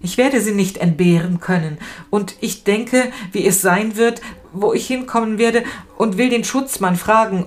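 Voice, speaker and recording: A woman reading a novel aloud in the first person, expressive and emotional, moving between fear and anger. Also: on the low side. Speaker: reader.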